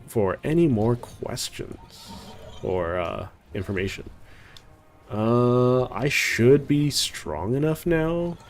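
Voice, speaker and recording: A man's voice: medium pitch, darkish tone, a little hiss or hum. A man giving casual gameplay commentary as a streamer, rambling with many "like"s and "uh"s. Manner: rambling, heavy on "like" and "uh".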